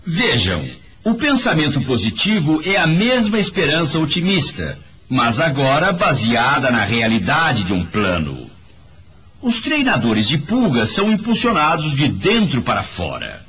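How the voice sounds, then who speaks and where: A man's voice: a little high, wildly swooping pitch, measured pace, fairly bright tone, a little hiss or hum. Emphatic man giving a motivational speech. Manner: emphatic, preachy, addresses the audience directly. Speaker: motivational speaker.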